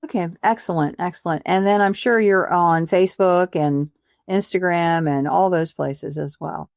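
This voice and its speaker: A woman's voice: lowish voice, fairly even intonation, normal speed, gravelly, a little mellow, dry recording. Chatty woman podcast host, dry sound. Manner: chatty, encouraging, laughs often. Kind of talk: casual interview chat.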